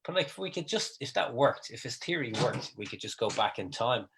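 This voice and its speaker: A man's voice: medium pitch, expressive, a little fast, noisy background. A man, a comedian, telling stories in casual livestream chat and mimicking the people he quotes.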